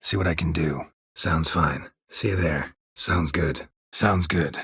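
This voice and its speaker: In this video game character dialogue, a world-weary monster hunter speaks slowly in an extremely low, husky voice, delivering terse, deadpan lines that are stoic and dryly sardonic. The performance is heavily acted and recorded close and dry, with no echo or room sound.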